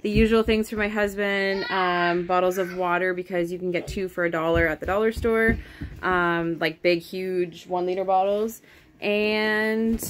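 In her home kitchen, a thirtysomething woman from Canada films a grocery haul on a close-held phone camera, her medium-pitched voice carrying slight hiss or hum. She is chatty, rambling with plenty of ums and turning aside to talk to her kids.

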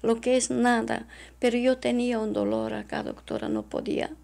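Distressed woman with a gravelly voice. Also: on the high side, little pitch movement, darkish tone. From Peru. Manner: halting and repetitive, often addressing the interviewer as doctora. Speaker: witness. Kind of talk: emotional testimony in an interview.

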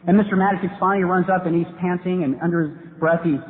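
A man's voice: sits high, steady tone, quick pace. A man giving an earnest debate speech to a live audience in a large hall, building to emphatic points. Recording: tinny lo-fi hall recording with hiss.

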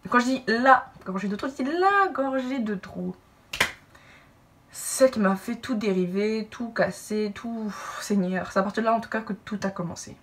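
A young woman telling a personal story to camera in a casual, animated way, acting out what others said. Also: a little high, moderate pace, far from the mic, a little hiss or hum. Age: young adult. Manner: animated, lively asides and acted-out quotes. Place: indoor room, brick wall behind.

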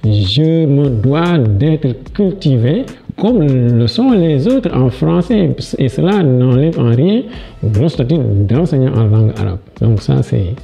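With faint music behind him, a middle-aged man with a Senegalese French accent speaks at medium pitch in a dark, sing-song voice with vocal fry. As a guest education official in an indoor office with a large window, he answers interview questions into a lapel mic, restarting and repeating words haltingly and gaining energy as his stories unfold.

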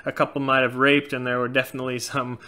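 Sitting close to a webcam in a small indoor room, a Norwegian man in his thirties with a light accent hosts his channel's casual Q&A, answering viewer questions in an outspoken, animated way and gesturing a lot. His bright, crisp voice is medium-pitched and fast.

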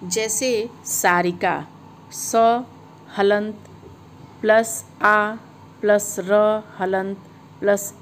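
A woman teacher giving a grammar lesson, speaking slowly and deliberately and spelling words out sound by sound. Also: mid-range voice, a little hiss or hum.

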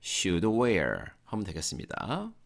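A man teaching English grammar in an online lesson, giving slow, careful example sentences between casual explanations in English. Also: low voice, wildly swooping pitch, vocal fry.

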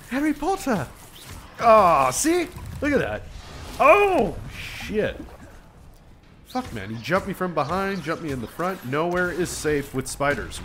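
A man's voice: on the high side, a bit bright, a little hiss or hum. A man hosting a gaming channel, giving casual let's-play commentary in a profane, joking way. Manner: profane, joking, laughs at himself.

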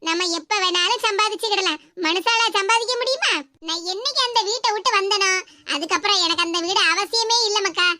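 A woman's very high voice, moving fairly quickly, brings to life a proud, warm-hearted middle-aged village aunt in a cartoon. She uses the southern Tamil Tirunelveli-Kanyakumari dialect and speaks in an affectionate, comforting, dramatic manner.

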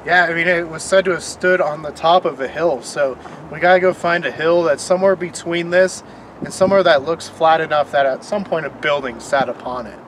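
Man, enthusiastic vlog co-host, slightly high voice, mic at a distance outdoors, over background music. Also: fairly quick, a bit bright, slight background noise. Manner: enthusiastic, chatty. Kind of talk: casual on-location presenting. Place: outdoors on a residential street.

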